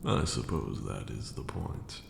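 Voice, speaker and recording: An ancient vampire lord speaks in an extremely low, heavily creaking, gravelly voice that drops breathily into near-whisper, in a hushed ASMR roleplay monologue. Brooding, grand and quietly proud, he slowly and deliberately tells dark tales of old in formal archaic phrasing, very animated and heavily acted. A long echoey reverb surrounds him, with background noise.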